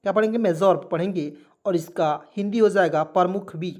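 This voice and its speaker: A man's voice: high voice, brisk. A man teaching English spelling in an online lesson, asking his listeners rhetorical questions and checking that they follow.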